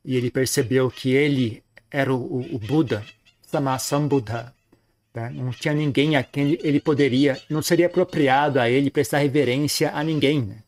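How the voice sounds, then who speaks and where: A man gives a Buddhist teaching, talking in an easy, conversational way. He keeps tagging his phrases with a questioning "right?" at a mid pitch, as if checking in with his listeners. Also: normal speed. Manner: relaxed, frequent "né?" tag questions. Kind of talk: dharma talk.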